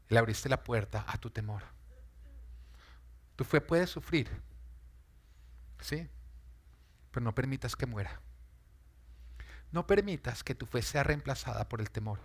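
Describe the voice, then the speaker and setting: A man's voice: mid-range voice, fairly bright tone. A male pastor delivering an emphatic, dramatic sermon, acting out scenes as he preaches. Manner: emphatic, dramatic, rises and falls in intensity.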